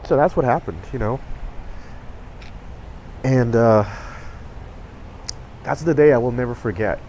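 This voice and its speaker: Speaking at a measured pace in a mid-range, slightly mellow voice, a middle-aged man from Southern California recounts a personal memory for his vlog, with a little background noise. His telling wanders, full of fillers and self-corrections, and he becomes emotional, his voice catching.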